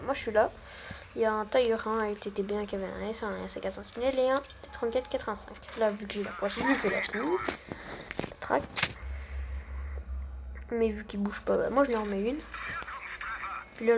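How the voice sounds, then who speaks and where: A woman's voice: fairly high pitch, moderate pace, creaky, long pauses, background noise. A young woman giving casual, self-mocking gameplay commentary, full of gamer slang. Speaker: gaming channel host.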